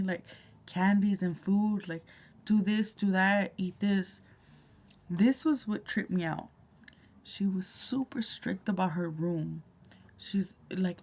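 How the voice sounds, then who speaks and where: A woman vlogger telling a casual story, often dropping to a hushed whisper and swearing freely. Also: mid-range voice, slightly rough.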